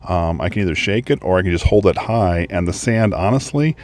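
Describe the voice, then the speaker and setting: Male product reviewer, low voice, chatty and upbeat, casual beach review. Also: lively intonation, a little fast, darkish tone. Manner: chatty, upbeat, thinking aloud. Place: beach, outdoors.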